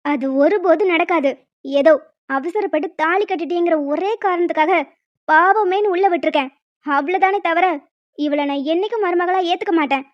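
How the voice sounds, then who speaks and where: A woman's voice: very high-pitched, moderate pace, no echo, muffled recording. Scornful cartoon mother-in-law, voiced by a woman. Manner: harsh, cold, dismissive. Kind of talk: cartoon voice acting.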